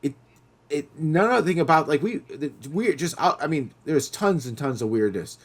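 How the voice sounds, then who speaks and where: A middle-aged man with a somewhat high voice hosts a podcast at a moderate pace. His stories come out in relaxed conversation, and he animates them by impersonating the people he quotes.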